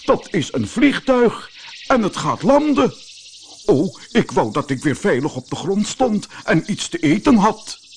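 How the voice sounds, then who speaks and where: An absent-minded old professor bursts out in a high, swooping voice, full of breathless wonder, as a man puts him on for a storybook. Every exclamation leaps and tumbles. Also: huge pitch swings, slow, slight background noise, exaggerated voice. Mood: amazed.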